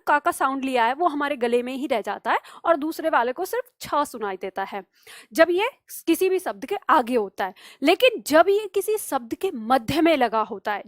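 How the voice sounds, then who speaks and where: A woman's voice: sits high, a bit bright, no room sound, studio quality. A woman teaching a Hindi exam-prep lesson, explaining patiently and asking and answering her own questions.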